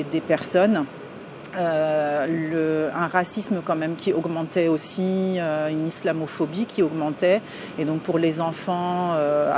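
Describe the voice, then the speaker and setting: Woman, 40s, from France, interview guest; halting and full of fillers, lower voice, traffic audible behind. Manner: hesitant, many filler sounds and restarts. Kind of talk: casual interview answers. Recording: clear outdoor street noise behind.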